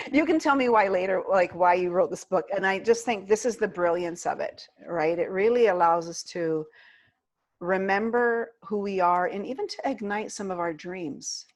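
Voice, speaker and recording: A woman's voice: medium pitch, normal speed. A woman hosting an interview, introducing her guest with effusive, gushing praise. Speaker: interview host.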